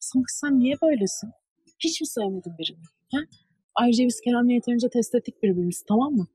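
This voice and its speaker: An actress playing a defiant young woman who talks quickly and defensively, in a TV drama. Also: a little high, expressive, warm tone, husky, no echo. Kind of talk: TV drama acting.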